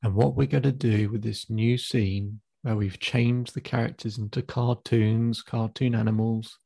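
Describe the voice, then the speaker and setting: A man acting as a therapist, leading a guided visualization exercise in a slow, calm, instructive way and counting the listener in. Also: on the low side, gravelly, slightly rough, no echo. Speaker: therapist guiding a client.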